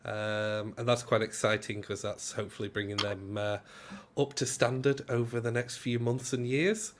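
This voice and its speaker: A man's voice: fairly low pitch, steady tone, moderate pace, slight background noise. Joking man introducing himself. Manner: joking, teasing. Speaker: head of accessibility, guest. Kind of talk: casual chat on a live stream.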